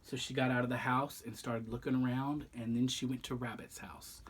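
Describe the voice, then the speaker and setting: Reading a picture book aloud, this male storyteller is expressive and theatrical, breaking off for chatty asides aimed straight at his listeners. His voice is medium-pitched and level in tone, with a breathy edge, at a normal pace.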